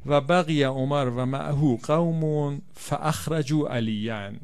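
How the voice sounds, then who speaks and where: A man's voice: on the high side, smooth. A man giving a religious lecture, reading aloud from an old Arabic text and translating it line by line for his listeners. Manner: swings from quiet to loud, emotional emphasis. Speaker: preacher.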